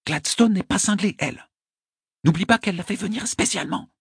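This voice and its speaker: A man reading an audiobook, voicing a sharp, commanding noblewoman who interrogates a prisoner, in a husky falsetto. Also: fairly quick, dry recording, clean studio sound, full character voice. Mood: urgent. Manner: imperious, urgent questioning. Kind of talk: audiobook character voice.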